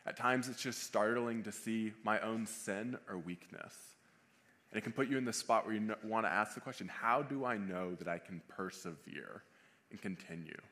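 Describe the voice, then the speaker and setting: A man's voice: fairly low pitch, moderate pace, fairly bright tone. Man preaching a conversational sermon. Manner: conversational preaching, restating phrases for emphasis. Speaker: pastor.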